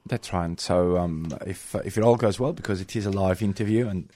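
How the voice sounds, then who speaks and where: Male radio co-host, very deep and husky from a cold, hesitant and good-humoured, dry close mic. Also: normal speed, warm tone, no echo. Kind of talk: community radio chat. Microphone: studio microphone.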